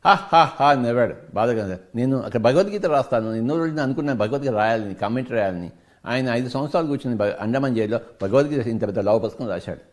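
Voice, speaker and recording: A man's voice: medium pitch, animated, rapid-fire, darkish tone. A man with a Telugu accent giving a spiritual discourse as a meditation teacher, preaching emphatically and firing off rhetorical questions.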